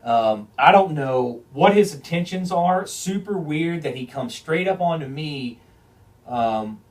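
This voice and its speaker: A man hosting a podcast, telling a hunting story in a casual, animated way, swearing often and restarting his phrases. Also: fairly high pitch, a little slow, distant mic. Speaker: podcast host.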